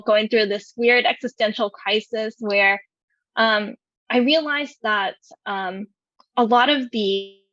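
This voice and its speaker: Recorded over a video call, the audio is muffled with no room sound. A Californian veteran in her twenties, with a medium-pitched, fairly bright voice, hesitantly recounts her life for an oral history interview, full of fillers and restarts.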